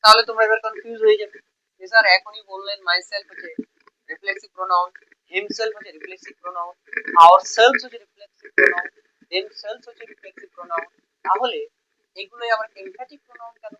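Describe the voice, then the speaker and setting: Bright-voiced male Bengali grammar teacher. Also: high voice, muffled recording. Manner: explains step by step, repeats words, checks in often. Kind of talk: grammar lesson.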